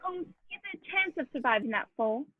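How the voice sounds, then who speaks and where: A woman acting as an earnest, loyal doctor sidekick in a vintage-style radio drama. The voice is high and proper, heard on thin, phone-like audio. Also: lively intonation, quick pace, over loud music. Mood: alarmed. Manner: proper, earnest, old-fashioned exclamations. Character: earnest, indignant male doctor, the detective's loyal companion. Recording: tinny, phone-like, dry audio.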